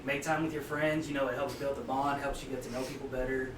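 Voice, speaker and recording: A man's voice: medium pitch, flat delivery, quick pace, recorded from a distance. A man hosting a casual group chat, loose and encouraging, swearing freely. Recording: roomy, off-mic, noisy room.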